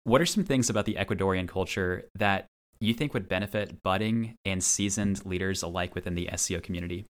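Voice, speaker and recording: A man's voice: deep voice, fairly quick. A man hosting a podcast interview, affirming his guest and asking long, framed questions. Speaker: podcast host.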